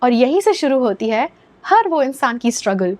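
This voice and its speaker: Indian woman English teacher, high voice, patient explainer who spells out and models words. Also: very animated, moderate pace, darkish tone. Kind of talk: scripted lesson to camera.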